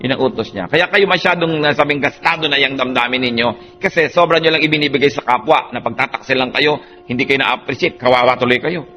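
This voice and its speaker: A male preacher delivers a sermon in a mid-pitched voice. He is animated, dropping soft and then rising to emphatic, lifted lines. Faint instrumental music plays behind him. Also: quick pace.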